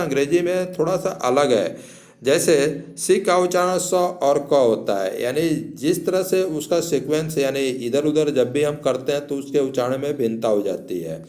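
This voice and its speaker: A man's voice: a little high, a little mellow. A man teaching English in a lesson, patiently spelling words out letter by letter and repeating each rule.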